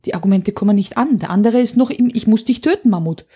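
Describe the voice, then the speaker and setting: A woman's voice: medium pitch, lively intonation, fast, dark tone, slightly rough. A woman, an anger coach talking in an interview, explaining emphatically with vivid examples. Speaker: anger coach, podcast guest. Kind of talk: conversational interview.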